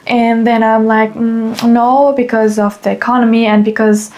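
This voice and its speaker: Young female podcast host, rambling solo chat, slightly high voice. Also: flat delivery, normal speed, a little mellow. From Germany. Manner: rambling, many fillers and restarts. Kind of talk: casual solo podcast monologue.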